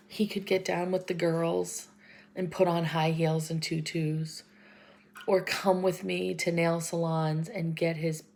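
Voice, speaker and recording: A woman in her forties talking in an emotional personal vlog, close to tears, halting and often dropping to a whisper. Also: deep voice, gravelly, a little mellow. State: close to crying. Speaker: vlogger.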